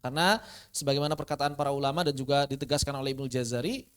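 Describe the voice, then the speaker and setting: A Quran recitation teacher giving an online tajwid lesson, asking rhetorical questions, answering them, and slowly sounding out Arabic letters as examples. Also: mid-range voice, fairly even intonation. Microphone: online class recording.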